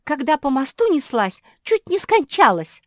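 A woman voicing an excitable young female dog who talks loudly and emotionally. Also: high-pitched, measured pace, dry recording, clean studio sound, pitched above the performer's own voice. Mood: excited.

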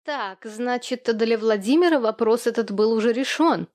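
A woman's voice: on the high side, moderate pace, a little mellow, no room sound, natural voice. A woman voicing a brash, gossipy older sister who mocks and gloats. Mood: gleeful. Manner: brash, mocking.

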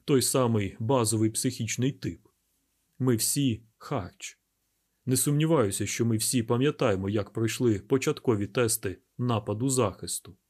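A man voicing a cool, calculating mayor in an audiobook, speaking with measured deliberation. His voice is husky and mid-pitched. Every word sounds weighed. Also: a little mellow. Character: calm calculating male city mayor.

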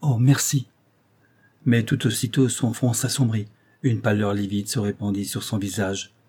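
A man narrating an old French tale as an audiobook, in a measured, expressive storytelling manner. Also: fairly low pitch, breathy edge. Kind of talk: audiobook reading of a classic story.

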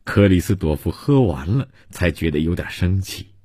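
A man reading a serialized novel aloud for radio in a measured, deliberate narration. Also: low voice, lively intonation, warm tone, husky, no echo, studio quality. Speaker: storyteller.

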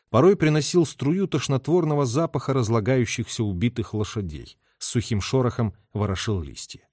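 A man's voice: mid-range voice, a little mellow, no room sound. A man reading a novel aloud as a narrator, telling the story expressively into a close mic. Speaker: audiobook reader. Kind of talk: literary narration.

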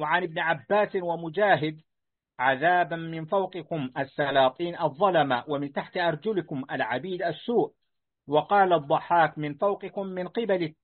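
A man reading a classical text aloud to his teacher, answering his corrections politely and respectfully. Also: on the high side. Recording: tinny phone-like line.

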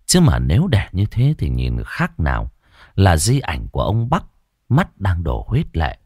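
A man tells a ghost story in a lowish voice that swoops widely up and down. His delivery is dramatic and heavily inflected, in a close, dry recording. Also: wildly swooping pitch, measured pace, darkish tone, husky, no room sound. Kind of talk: scripted horror narration.

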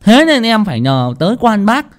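A man's voice: high voice, big pitch swings, normal speed, voice pushed up. A man voicing an indignant young peasant lad in a folk tale, ranting about a wrong done to him.

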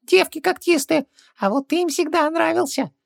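Super high squeaky djinn slave, whiny and groveling, gravelly edge. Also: male voice, moderate pace, full character voice. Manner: pleading, wheedling. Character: whiny servile male djinn servant.

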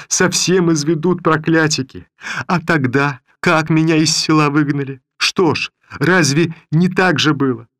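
A man's voice: mid-range voice, a bit bright, dry recording, clean studio sound, voice pushed up. A man reading the part of a grumbling, half-deaf old village woman who laments and scolds indignantly.

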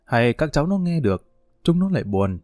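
A man voicing a calm, dignified old mother. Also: a little high, no room sound, studio quality. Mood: earnest. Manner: measured, conciliatory.

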